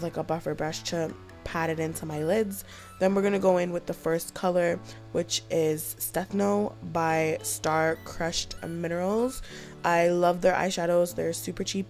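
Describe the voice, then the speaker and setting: Young woman, lowish pitch, casual tutorial narration, informal and chatty, faint music behind. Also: creaky, a little mellow. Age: young adult. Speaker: beauty vlogger.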